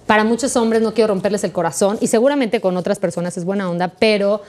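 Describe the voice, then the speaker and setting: A young adult Mexican woman, a podcast guest, telling a story in a chatty, animated way. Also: mid-range voice, fast talker. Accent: Mexican Spanish. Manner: chatty, animated, acts out quoted voices.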